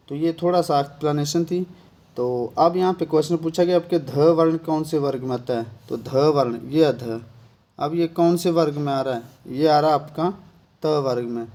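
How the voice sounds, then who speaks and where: A man's voice: a little high, moderate pace, a little mellow. A man with a Himachali accent teaching an exam-prep grammar lesson, asking himself questions and checking in with "thik hai" after nearly every point. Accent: Himachali Hindi.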